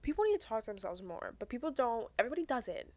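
A young adult woman co-hosting a casual podcast, talking fast and loose, rambling and swearing freely. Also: fairly high pitch, very animated, a little mellow. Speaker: podcast co-host.

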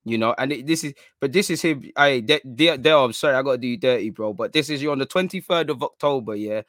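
A man's voice: medium pitch, fast, a bit bright, no room sound. Casting: male football content creator, urban London roadman accent, slangy casual chat, very dry recording. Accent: London, urban street slang. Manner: slangy roadman-style talk, addressing listeners as bro and man.

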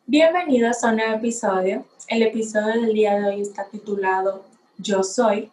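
A woman's voice: medium pitch, darkish tone, roomy sound, faint music behind, poor audio. A nineteen-year-old woman from the Republic, hosting a podcast and giving a personal faith testimony in a reflective, slightly unsure way while facing a camera. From Dominican Republic. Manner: unhurried, reflective, a little unsure. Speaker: podcast host.

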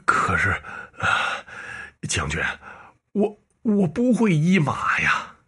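A man's voice: huge pitch swings, slow pace, sharp tone, slightly rough, exaggerated voice. Man doing a trembling, terrified old painter. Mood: terrified, shaky. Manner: quavering, high and shaky.

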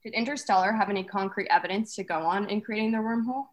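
Gushing female red carpet host, played by a young woman, quick and showy. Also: medium pitch, lightly acted. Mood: upbeat. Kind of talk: scripted mock awards-show hosting.

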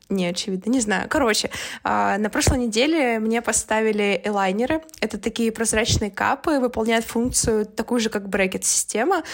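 A woman co-hosting a podcast in casual, slangy, hesitant chat, with a slight lisp that makes her s and sh slushy. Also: a little high. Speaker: podcast co-host.

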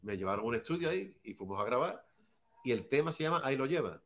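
A man's voice: medium pitch, lively intonation, fast talker, a bit bright. Rambling man, muffled sound. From Seville, Spain. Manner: rambling, tags lines with "¿sabes?". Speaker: early hip hop artist. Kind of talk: casual anecdote-telling.

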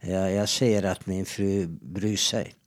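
A middle-aged man, a therapist, talking in a calm, measured way with frequent hesitations while giving advice in a casual conversation. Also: deep voice.

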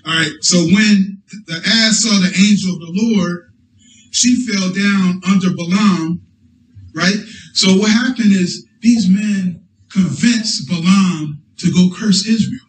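Speaking slowly in a high voice, a male preacher delivers a sermon in call-and-response style, often asking the congregation for an amen. He restarts his phrases frequently, and the recording comes from a distant mic in an echoey hall.

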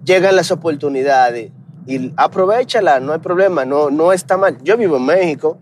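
A man's voice: a little high, normal speed, a little hiss or hum. A man with a Dominican accent hosting a podcast, speaking in an earnest, encouraging, conversational way. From Dominican Republic. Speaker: podcast host. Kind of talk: motivational podcast monologue.

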